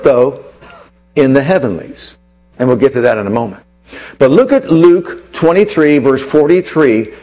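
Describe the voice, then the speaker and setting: A man delivers a teaching sermon emphatically, packed with rhetorical questions and lurching between slow and rapid delivery. His voice is fairly high-pitched with a darkish tone, and the recording quality is low.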